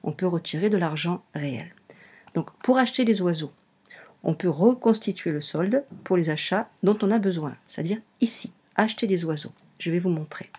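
A woman's voice: on the low side, expressive, moderate pace, darkish tone, husky. A woman with a French accent talking through a browser game on a screen recording, explaining it step by step and often repeating or correcting herself. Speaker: online game walkthrough presenter. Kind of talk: casual screen-recorded tutorial.

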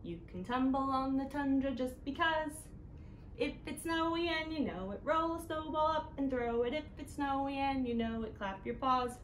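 A young woman, a children's librarian, leads a picture-book storytime from a couch in a small indoor room, reading partly in sing-song and warmly inviting the kids to join in. Her voice is high and moderately paced. A camera a few feet away captures an echoey room with some background noise.

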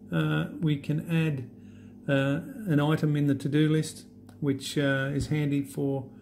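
A man with a low, gravelly voice talks through a tablet app demo at a desk. His tone is mellow and unscripted, full of pauses and fillers. A faint hiss of room noise sits behind him. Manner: relaxed, halting, many fillers. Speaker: app demonstrator. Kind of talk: unscripted screen demo walkthrough.

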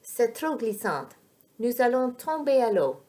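Storybook: woman reader doing a fretful little kid, high and lively. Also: measured pace. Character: eager, curious small child, easily worried.

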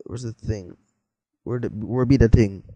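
At a measured pace, a teenage boy with a dark, lowish voice gives relaxed, rambling commentary as he plays. He jumps easily and jokes with his audience, with no room sound in the clip.

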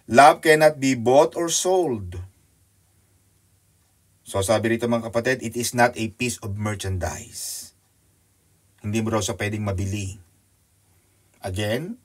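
A man with a Filipino accent preaching a sermon in an animated, teasing way that leaps up in pitch for emphasis. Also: slow, pauses often. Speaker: pastor. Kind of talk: sermon teaching.

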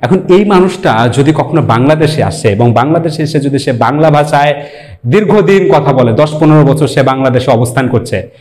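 A man from Bangladesh, an English teacher giving a lecture, talking in a relaxed way, mixing in English words and asking rhetorical questions. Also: mid-range voice, normal speed. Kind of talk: explanatory lecture.

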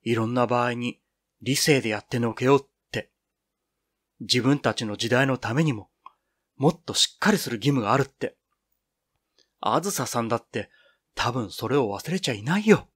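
A man's voice: mid-range voice, animated, normal speed, pauses often, slightly rough. A man reading the part of an eager, boyish young woman in a storybook reading. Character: eager young woman nicknamed Yuki-bouya.

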